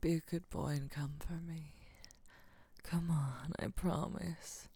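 A woman playing a doting female caretaker who talks in a soft, hushing whisper. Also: deep voice, fairly even intonation, slow pace, breathy edge, no echo, heavily acted. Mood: tender, hushing. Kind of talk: intimate audio roleplay.

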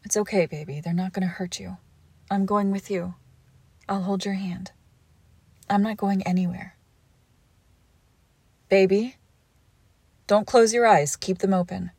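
A young woman playing a devoted girlfriend who nurses her sick partner, coaxing and protective, often dropping to a hush. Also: medium pitch, steady tone, slow pace, long pauses, no room sound. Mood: soothing. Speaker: audio roleplay performer. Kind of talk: audio roleplay addressed to the listener.

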